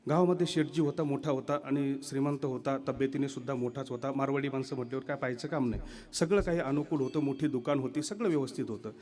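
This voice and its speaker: A man preaching a devotional kirtan sermon, telling a story and acting out its characters in an animated way. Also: mid-range voice, quick pace.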